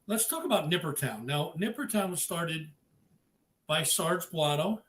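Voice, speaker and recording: A man hosting a live-streamed interview, upbeat and chatty, giving shout-outs to viewers. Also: a little high, lively intonation, a little slow. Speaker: podcast host. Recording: echoey room with faint noise.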